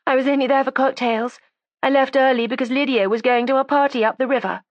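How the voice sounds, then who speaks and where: A woman's voice: high-pitched, steady tone, fast talker, no echo, dull audio, pitched above the performer's own voice, lightly acted. A woman reading an audiobook, voicing a resentful, defiant young woman with a sarcastic, combative edge. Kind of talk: audiobook character voice.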